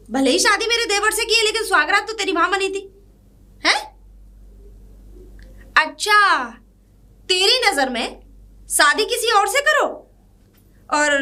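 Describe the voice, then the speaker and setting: High bright taunting sister-in-law, played by a woman. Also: exaggerated voice. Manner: taunting, scolding. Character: scornful elder sister-in-law, sharp-tongued. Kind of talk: hobby family drama acting.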